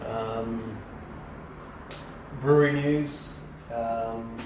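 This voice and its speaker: Distant rambling home brewer, roomy sound. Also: male voice, mid-range voice, fairly even intonation, drawn-out words, noisy background. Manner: rambling, lots of ums and restarts. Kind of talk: casual how-to video. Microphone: camera from a distance. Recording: roomy and distant camera mic.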